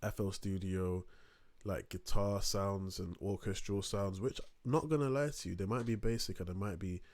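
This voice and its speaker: This young adult has a deep, darkish voice and speaks at a moderate pace with few pauses, recorded without echo. He's a music production tutor doing a casual screen-recorded beat-making tutorial, rambling with lots of fillers and restarts and sometimes turning away from his desk mic.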